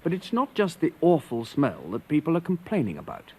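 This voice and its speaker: A man with a husky voice reporting and asking questions. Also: on the high side, wildly swooping pitch, brisk, dark tone. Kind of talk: scripted report and interview questions.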